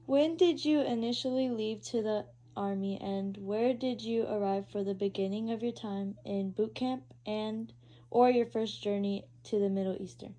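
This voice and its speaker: A woman's voice: medium pitch, normal speed, dark tone. Young woman reading interview questions. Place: her uncle's house. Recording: poor quality home recording.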